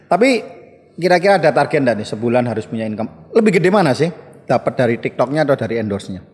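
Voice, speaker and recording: Male interviewer, animated and inquisitive, pitch rises and falls; long room reverb. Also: quick pace. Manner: animated, questioning, laughs easily. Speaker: interview host. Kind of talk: casual interview.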